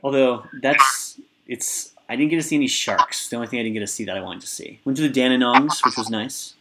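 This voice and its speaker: A man's voice: mid-range voice, a little fast, heavy background noise. Laid-back man, easygoing chat. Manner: laid-back, loose, laughs easily, drops "man". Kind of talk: casual chat.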